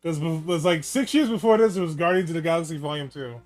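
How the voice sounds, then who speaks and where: A man's voice: fairly high pitch, fast talker, a little mellow. A man giving casual, rambling and joking film commentary, with some swearing. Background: film soundtrack music.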